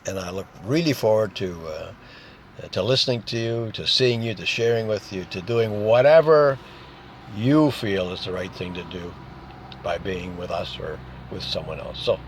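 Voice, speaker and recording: A man's voice: lowish voice, slight background noise. An older man hosting a recovery show, speaking in an earnest motivational talk with lots of repetition. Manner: earnest, repetitive, drawn-out urging. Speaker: recovery radio show host.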